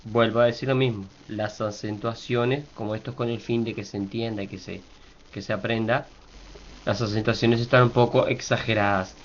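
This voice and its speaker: A hoarse man giving a spoken pronunciation lesson, slowly repeating and explaining each syllable. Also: on the low side, fairly even intonation, muffled recording, slight background noise. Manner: slow, careful, stops to spell and repeat syllables. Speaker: teacher.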